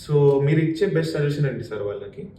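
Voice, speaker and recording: A man's voice: fairly high pitch, animated, rapid-fire, warm tone. A man interviewing a guest on a podcast, asking questions politely and addressing him as sir. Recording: roomy, distant mic with faint noise.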